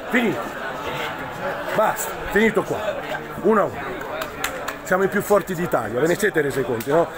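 A man in his forties with a Neapolitan accent, ranting and chanting as a football fan in coarse, taunting street slang. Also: a little high. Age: 40s. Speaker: football fan filming himself. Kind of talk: ranting, chanting selfie vlog. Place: busy city street at night, outdoors. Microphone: phone at arm's length. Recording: noisy street crowd, handheld phone.

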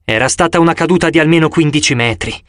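A man narrates a novel in the first person with a dramatic, expressive reading. His voice is fairly high for a man. The recording is close and very dry. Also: quick pace, dry recording. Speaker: audiobook narrator. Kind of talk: scripted audiobook narration.

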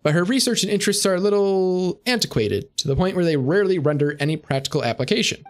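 A man's voice: sits high, lively intonation, fast, pitched above the performer's own voice. A man voicing a fussy, wordy young male alchemy scholar in a game. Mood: prim.

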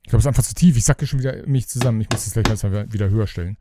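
A man's voice: on the low side, rapid-fire, very noisy. A man hosting a let's play, chatting casually and grumbling to himself as he builds. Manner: rambling, grumbles to himself, mutters asides. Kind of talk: casual gaming commentary.

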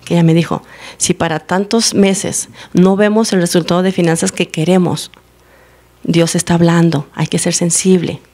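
Woman preaching a testimony, low gravelly voice, animated storytelling, acting out voices. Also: moderate pace. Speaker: church member giving a teaching. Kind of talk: testimony sermon to a congregation. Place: church service, recorded live.

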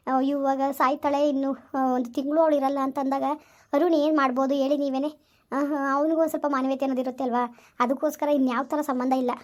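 A woman's voice: high voice, lightly acted. A young woman, acting in a village skit, earnestly explaining and pleading with elders.

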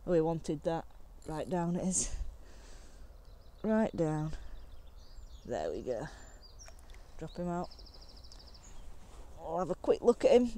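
A young woman chatting casually to camera while fishing outdoors on a lakeside bank, excitable and relaxed. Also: low voice, takes it slowly, long pauses, a little hiss or hum. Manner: chatty and excitable, talking to camera between catches. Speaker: angling vlogger.

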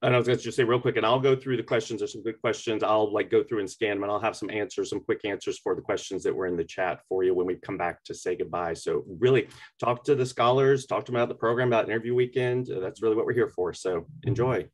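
A man's voice: fairly low pitch, quick pace. A man in his fifties hosting a casual video call, calling on students by name. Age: 50s.

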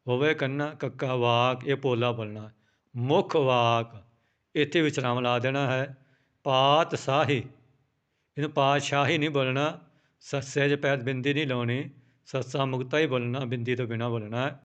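A man teaching scripture pronunciation, spelling out each word letter by letter and repeating it slowly. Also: mid-range voice, steady tone, fairly bright tone, clean tone, dull audio. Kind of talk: slow, careful recitation lesson.

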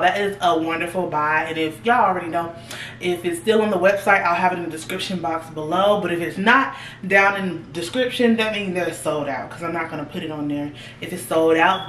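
A young woman in her 20s chats casually to viewers while trying on clothes for a fashion haul, speaking straight to the camera. Her voice is lowish with a fairly bright tone. The room is echoey, she sits a little far from the mic, and there's slight background noise.

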